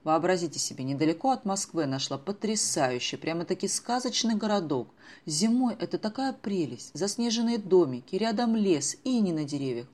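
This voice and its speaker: A woman voicing a cheerful, reckless grown woman who teases and exclaims loudly in an audiobook. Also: lowish voice, lively intonation, normal speed, hardly any pauses. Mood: enthusing. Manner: loud, exclamatory and teasing. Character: merry, reckless grown woman, mother's friend.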